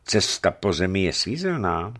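A man reading a story and voicing a serious, thoughtful leader who speaks slowly and earnestly to his companions. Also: low voice, sing-song, a bit bright, voice pushed up. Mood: earnest, cautious. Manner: slow, deliberate, earnest. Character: grave, thoughtful Russian male leader, middle-aged.

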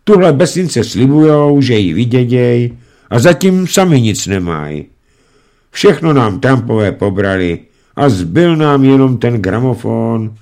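A man's voice: lowish voice, darkish tone. A man voicing a very old, unflappable female servant who talks in a folksy, composed way in a storybook reading. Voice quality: folksy colloquial speech, unhurried and composed. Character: ancient calm female servant, centuries old. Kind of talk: audiobook reading.

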